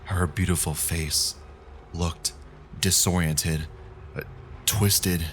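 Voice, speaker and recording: Very deep, slow horror narrator man. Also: fairly even intonation, a bit bright, slight background noise. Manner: slow, measured, grim.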